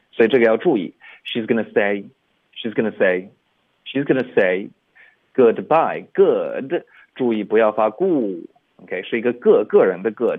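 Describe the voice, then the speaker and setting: Man, lowish voice, pronunciation teacher, repeats phrases slowly, tinny phone-like sound. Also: breathy edge. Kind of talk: explaining pronunciation on radio.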